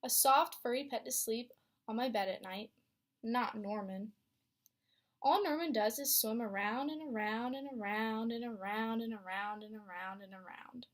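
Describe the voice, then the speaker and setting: A young woman student teacher with a slightly high voice reads a picture book to her class at a moderate pace. She tells it expressively, stopping for teacher questions.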